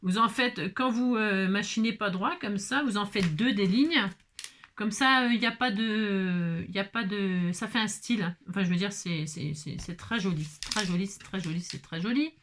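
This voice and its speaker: A woman's voice: mid-range voice, moderate pace, a bit bright, slight background noise. A woman crafter chatting casually through a card-making tutorial, playful and self-mocking, humming to herself as she works.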